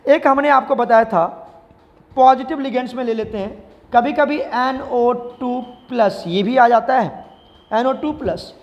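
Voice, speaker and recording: A man's voice: extremely high pitch, measured pace, in a large hall. A male chemistry teacher, giving a classroom lecture and repeatedly asking the class questions and answering them himself. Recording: slightly dull lo-fi sound.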